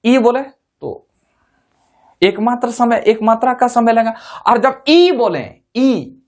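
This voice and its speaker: Male teacher, repetitive, checks in often, stretches sounds to demonstrate. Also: sits high. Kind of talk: online class lesson.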